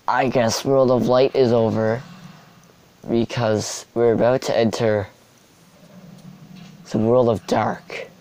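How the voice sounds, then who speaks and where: A young man giving casual, sarcastic commentary over his gameplay, with sudden excited outbursts. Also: mid-range voice, slow pace, long pauses. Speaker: gaming video host.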